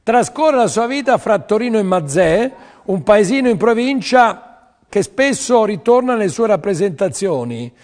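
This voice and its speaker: A man's voice: high-pitched, big pitch swings, moderate pace, a little mellow, long reverb tail. A man selling paintings on a TV auction, pushing buyers and repeating his lines to urge them on. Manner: pushy, urging, repeats phrases. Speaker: TV art sales presenter. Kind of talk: televised art auction pitch.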